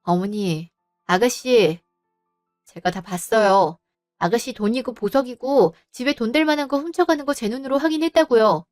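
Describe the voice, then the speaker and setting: Woman as a firm daughter-in-law, polite and measured, fairly high, dry. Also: a little mellow, no room sound, soft background music, lightly acted.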